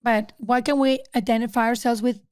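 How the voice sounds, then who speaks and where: A woman's voice: a little high, steady tone, fairly quick, a little mellow, clear, resonant tone, no echo, clean studio sound. A woman in her fifties co-hosting a podcast, chatting casually and laughing often. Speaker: podcast co-host. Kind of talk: casual chat.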